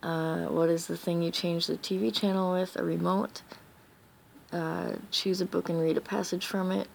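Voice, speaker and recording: A woman's voice: fairly low pitch, level tone, moderate pace, vocal fry, darkish tone, slight background noise. A young woman from Wisconsin with a Wisconsin accent, sleepy and mumbling as she records a casual accent challenge from bed late at night. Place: bedroom, in bed.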